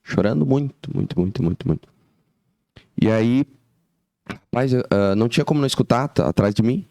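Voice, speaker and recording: A man, hosting a podcast, telling an emotional story in casual talk with halting restarts and fillers. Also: medium pitch, lively intonation, vocal fry, warm tone, no room sound.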